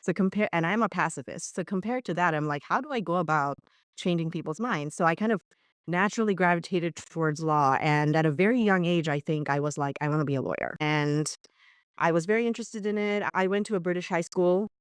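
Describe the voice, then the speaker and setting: A woman's voice: on the low side, a little fast, clean tone, no room sound, clean studio sound. A woman from Bangladesh, a corporate lawyer, telling her story earnestly as a podcast guest. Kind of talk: podcast interview.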